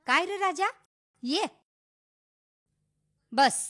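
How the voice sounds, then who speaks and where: A woman's voice: very high voice, expressive, extremely slow, sharp tone, exaggerated voice. A frantic old village grandmother. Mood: pleading. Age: older. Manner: pleading, wailing, scolding.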